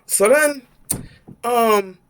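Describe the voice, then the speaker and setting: A young man with a New York accent telling a personal story to camera in an animated, rambling way, full of "like", "bro" and "right?". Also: extremely high pitch, extremely slow, a little hiss or hum. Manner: animated, frequent restarts. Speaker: vlogger. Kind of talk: casual storytime monologue.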